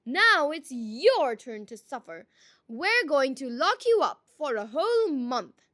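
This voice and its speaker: A woman puts on the voice of indignant villagers in a folktale. It is high, loud and emphatic. The words come out as one united complaint. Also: big pitch swings, unhurried, no echo, studio quality. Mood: furious. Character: angry crowd of villagers speaking as one, indignant. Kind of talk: acted storybook dialogue.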